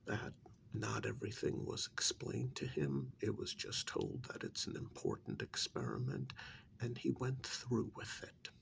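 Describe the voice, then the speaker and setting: The ASMR role-play has him as a frosty, patronizing secret-agency superior, stern and condescending, speaking in a breathy, gravelly half-whisper with purposeful pauses. His pitch is medium, the voice exaggerated, and a little hiss or hum can be heard.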